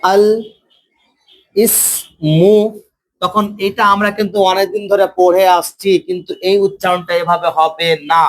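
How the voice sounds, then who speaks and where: High-voiced man teaching Arabic grammar. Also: fairly even intonation, fairly bright tone. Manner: slow, drawn-out pronunciation of examples; repeats points and tells students to listen. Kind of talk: classroom grammar lecture.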